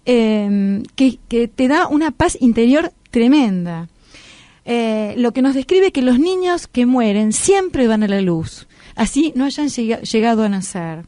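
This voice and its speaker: A middle-aged woman with a Rioplatense accent, hosting a radio talk show and retelling a story with lively acted-out quotes. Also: on the high side, no echo. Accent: Rioplatense Spanish. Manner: animated storyteller who acts out quoted voices.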